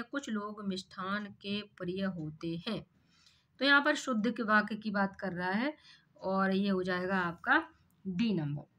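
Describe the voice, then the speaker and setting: A woman's voice: mid-range voice, pushed and bright. A woman teacher going through an exam paper question by question, explaining each answer step by step and asking rhetorical questions. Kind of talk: exam paper walkthrough lesson.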